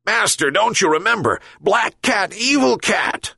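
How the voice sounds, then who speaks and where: A man's voice: a little high, measured pace, husky, no room sound, voice pushed up, full character voice. A man doing Boli, a yelping hungry dog. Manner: yelping, excitable. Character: loyal, grumpy, ever-hungry male dog.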